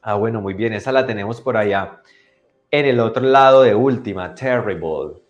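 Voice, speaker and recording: A man teaching English to children in an online class, often checking they follow and drilling pronunciation slowly. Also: on the low side, highs cut off, faint music behind. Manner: teacherly, asks for agreement after each point.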